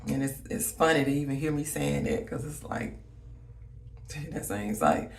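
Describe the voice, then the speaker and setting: A vlogger from Alabama talks straight to her viewers with a Southern accent, chatting, rambling and reminiscing casually. Her voice sits low, gravelly and unhurried. The mic is distant, leaving a roomy echo and her voice slightly off-mic.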